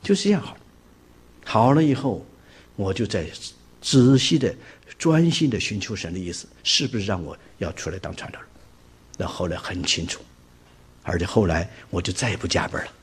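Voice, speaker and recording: Husky man telling his testimony with animation. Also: sits low, normal speed, long pauses. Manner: vivid storyteller who acts out quoted dialogue. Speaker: preacher giving his testimony.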